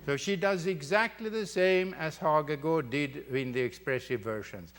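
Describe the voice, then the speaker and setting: A man giving a university lecture on the voice. He explains step by step and often pauses to correct himself. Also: a little high, fairly bright tone. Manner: halting, with many fillers and restarts. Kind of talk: academic lecture.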